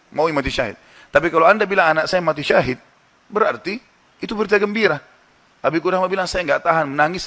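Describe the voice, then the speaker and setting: Fast-talking man preaching. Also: fairly high pitch, fairly bright tone. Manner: retells a story with quoted dialogue, filler tags like "gitu kan". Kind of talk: sermon storytelling.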